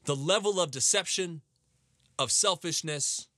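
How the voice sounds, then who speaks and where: A man ranting sarcastically in a lively, animated way, recorded close and dry. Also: a little high, unhurried, no room sound. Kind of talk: comedic rant.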